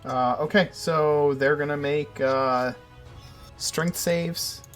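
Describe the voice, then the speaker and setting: A man narrating as game master of a tabletop game in a casual, halting, improvised way. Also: a little high, fairly even intonation, faint music behind.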